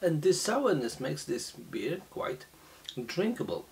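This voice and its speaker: Slow, halting man reviewing beer. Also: on the high side, big pitch swings, creaky, a little mellow, slight background noise. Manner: slow, halting, many fillers and restarts. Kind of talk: casual beer tasting review. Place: small indoor room, seated at a table.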